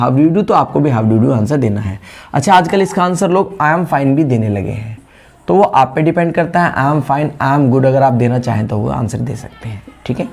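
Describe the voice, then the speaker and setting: A man's voice: medium pitch, darkish tone. A man teaching a spoken English class, explaining step by step and repeating the example phrases. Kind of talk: spoken English lesson in Hindi.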